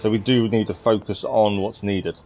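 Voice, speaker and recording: Musing a bit hesitantly at a normal speed, a man streaming a game live gives casual commentary in a level voice on the low side. Game music runs underneath, and the lo-fi mic sounds dull.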